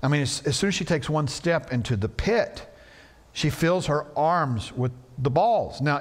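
Man, pastor, sermon, fairly high voice, very lively pitch, playful storytelling. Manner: animated storytelling with playful asides. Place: church sanctuary.

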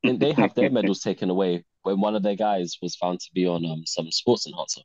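A man's voice: sits low, a little fast, no room sound. A man co-hosting a football podcast, talking animatedly and laughing often. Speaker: podcast co-host. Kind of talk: casual podcast chat. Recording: dry, dull lo-fi mic.

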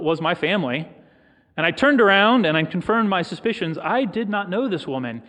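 High-voiced male preacher in an echoing hall. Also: fairly bright tone. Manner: storytelling, reflective, with pauses for emphasis. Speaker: pastor. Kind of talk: sermon. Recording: long reverb of a large hall.

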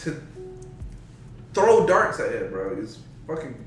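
A man co-hosting a casual podcast, talking in a blunt, excitable, profane way. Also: medium pitch, takes it slowly, faint music behind. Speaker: podcast co-host. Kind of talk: casual chat. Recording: very echoey room, far from mic.

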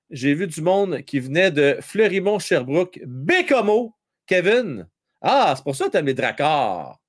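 Man, Quebec French accent, casual live-stream host, animated and teasing, repeats phrases. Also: on the high side. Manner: chatty, teasing, repeats himself, many fillers. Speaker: live stream host reading viewer chat during a hockey game. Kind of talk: casual live chat with hockey updates.

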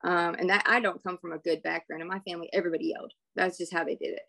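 A woman's voice: on the low side, level tone, very fast, vocal fry, sharp tone. Candid mother telling family stories. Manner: candid, rambling, laughs while telling stories. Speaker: guest parent. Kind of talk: casual conversation.

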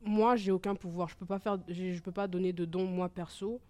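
A young woman with a medium-pitched voice in a casual chat. She phrases things in slang and circles back over the same words while working out what she means. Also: fairly even intonation, brisk, darkish tone. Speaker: panel participant.

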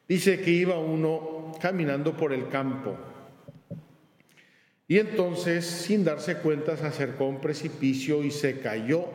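Slow-speaking priest in a reverberant church. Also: male voice, medium pitch, darkish tone. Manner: slow, earnest storytelling. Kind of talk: homily.

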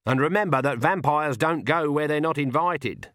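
A man's voice: fairly high pitch, normal speed, a bit bright, no room sound, clean studio sound, voice pushed up, lightly acted. A man putting on a stern old witch. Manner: blunt rural speech, dropped endings. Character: stern elderly witch woman, sharp-tongued, commanding.

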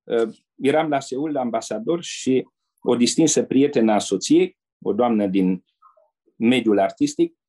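An older Romanian man, once a diplomat and interpreter, relaxedly tells anecdotes in a medium-pitched voice, turning to the listener now and then with asides.

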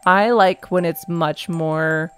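Woman, young adult, casual podcast chat, smooth clear voice, swears freely. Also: on the low side, steady tone, slow pace, fairly bright tone, soft background music. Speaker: podcast co-host. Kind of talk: casual film recap chat.

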